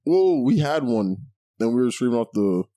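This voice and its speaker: A man's voice: medium pitch, animated, normal speed, dark tone, no room sound, clean studio sound. A man co-hosting a podcast, chatting casually with profanity, sarcasm and frequent laughter. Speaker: podcast co-host. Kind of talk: casual chat.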